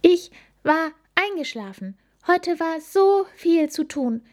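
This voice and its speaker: A woman's voice: extremely high pitch, lively intonation, takes it slowly, voice pushed up, heavily acted. A woman voicing a sleepy female postal snail in a storybook reading. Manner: sleepy, relieved.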